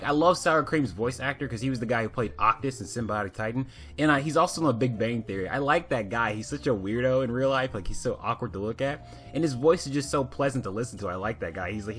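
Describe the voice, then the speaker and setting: A man's voice: mid-range voice, pushed and bright. A man reviewing a cartoon in a casual, rambling rant, swearing freely and filling his talk with "like". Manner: rambling, profane, fillers.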